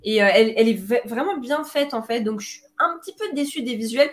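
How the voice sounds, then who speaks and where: A woman's voice: on the high side, animated, fast. Chatty woman on a podcast call. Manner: chatty, hesitant with many fillers. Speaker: podcast panelist. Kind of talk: casual online chat. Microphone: home computer mic on a video call.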